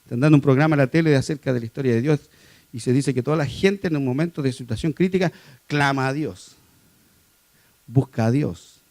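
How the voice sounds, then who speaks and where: A man preaching a sermon to his congregation, moving between quiet personal testimony and raised, emphatic exhortation. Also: mid-range voice, fairly quick, long pauses. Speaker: lay preacher.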